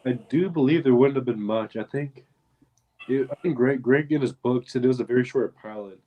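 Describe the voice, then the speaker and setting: A man's voice: mid-range voice, fairly quick, muffled recording, slight background noise. A man co-hosting a casual fan podcast, recalling details in a thoughtful, hedging way. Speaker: podcast co-host.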